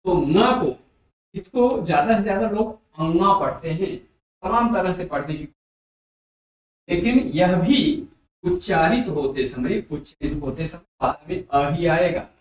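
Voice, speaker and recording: A man teaching a Hindi grammar lesson for exam preparation, explaining slowly and repeating letters and sounds aloud for his students. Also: high-pitched, animated. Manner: addresses viewers as dear friends. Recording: very echoey room.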